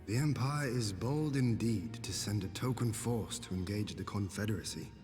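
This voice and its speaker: An actor playing a composed, noble lord in a video game, speaking in formal, deliberate, archaic phrases. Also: male voice, fairly low pitch, natural voice. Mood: stern, commanding. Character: noble male lord and leader, grave, composed, stirring. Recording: long hall reverb, faint music.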